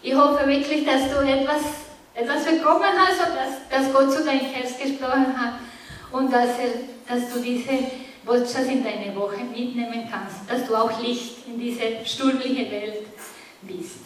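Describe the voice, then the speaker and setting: A woman preaching a sermon in a halting, earnest way, often searching for words and restarting, gently encouraging her listeners. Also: sits high, steady tone. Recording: very echoey room, voice from far off, faint noise.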